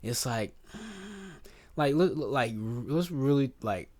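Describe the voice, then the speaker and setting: A man in his thirties, a podcast guest, talking in an easygoing, halting way, searching for words and saying "man" and "I'ma.". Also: mid-range voice, expressive, a little mellow. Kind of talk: casual podcast conversation.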